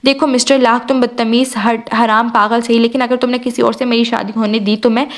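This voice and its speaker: A woman's voice: a little high, level tone, close to an everyday voice. A woman voicing a feisty young woman in an audio novel, bossy and mock-threatening.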